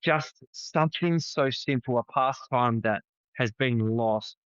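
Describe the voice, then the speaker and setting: A man's voice: mid-range voice, slow pace, a bit bright, clean tone, dry recording. A man, a podcast guest telling stories in an earnest, conversational way and often repeating words as he restarts. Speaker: podcast guest, founder of a family program. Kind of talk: conversational storytelling. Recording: slightly dull, dry podcast audio.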